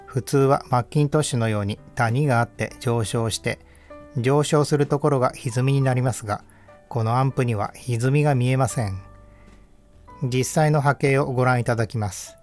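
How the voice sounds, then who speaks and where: An audio equipment reviewer reads a scripted technical walkthrough as a voice-over, calm, measured and explanatory. His voice sits mid-range for a man, with faint music underneath.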